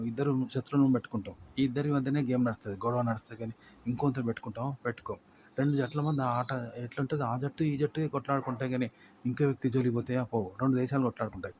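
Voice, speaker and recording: A man's voice: medium pitch, a little mellow, slight background noise. A man giving informal advice, asking rhetorical questions and using plain folksy examples. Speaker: YouTube advice teacher. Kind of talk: informal tutorial talk.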